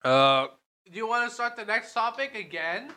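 A man's voice: sits high, very animated, normal speed, sharp tone, dry recording. A man co-hosting a casual chat, loose and talkative, often eating while he speaks. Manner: chatty, eats while talking, laughs often. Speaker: podcast co-host.

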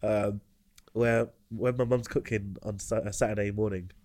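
A young man with a London accent talks casually among friends, in a somewhat low voice. His delivery is slangy and halting, with faint noise and clicks behind him. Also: fairly even intonation, a little mellow. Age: young adult. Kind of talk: casual group chat.

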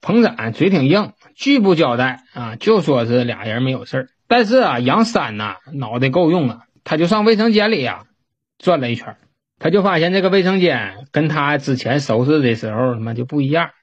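A man's voice: a little high, expressive, brisk, husky, dull audio. A man, telling a story in a folksy, casual way and swearing offhandedly.

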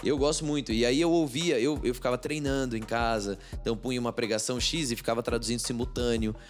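A man's voice: medium pitch, steady tone, quick pace, soft background music. A man with a Brazilian Portuguese accent, a church interpreter, talking in an easygoing, laid-back way, full of fillers. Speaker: church interpreter and ministry leader. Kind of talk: casual podcast conversation.

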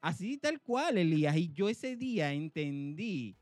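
A man with a Venezuelan Spanish accent from Zulia, co-hosting a podcast and telling a story in casual chat, animated and laughing often. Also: fairly high pitch, unhurried, no echo, faint music behind. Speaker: podcast co-host.

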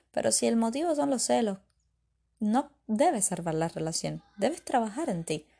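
A woman's voice: medium pitch, creaky. A woman hosting a chatty advice podcast, reading listener comments and telling jokes. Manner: chatty, tells jokes, animated voice. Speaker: podcast host.

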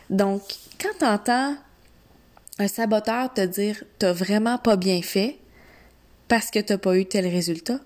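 A woman with a Quebec French accent giving an instructional coaching talk to one listener, deliberate and directive, speaking phrase by phrase with repetition. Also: mid-range voice, darkish tone. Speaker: mindset coach.

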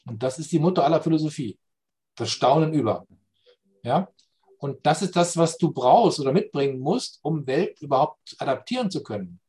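A man explaining spiritual and philosophical ideas in a slow, reflective conversation, often checking understanding with "ja?". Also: on the high side, animated, darkish tone.

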